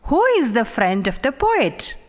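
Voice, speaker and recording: Female teacher reading a children's story, clear and expressive, with a lively, fairly high voice in a reverberant hall. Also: unhurried. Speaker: teacher reading an English lesson. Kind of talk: scripted lesson narration.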